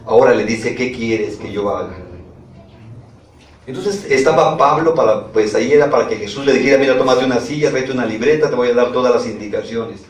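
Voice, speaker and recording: A man's voice: mid-range voice, fast, few pauses. A male pastor preaching a sermon, reading scripture aloud and often checking in with his congregation. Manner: reads scripture aloud and asks the congregation questions. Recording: echoey room, from a distance.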